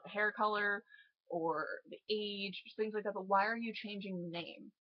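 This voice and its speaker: A woman's voice: mid-range voice, no room sound, highs cut off. A young woman in her late teens giving a casual, profane, exasperated movie review and laughing often.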